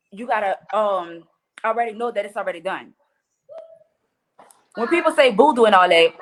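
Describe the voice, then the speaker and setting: A woman from New Orleans with a New Orleans accent, a podcast guest talking bluntly and profanely in casual chat, acting out quotes as she goes. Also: fairly high pitch. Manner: blunt, profane, animated storytelling with voiced quotes.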